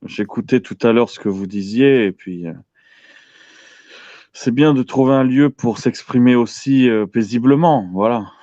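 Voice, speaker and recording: A man's voice: medium pitch, a little slow, mellow, no room sound. A man in his thirties chatting casually as a radio show caller, often searching for his words. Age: 30s. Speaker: caller on an open-line internet radio show. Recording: dull lo-fi call audio.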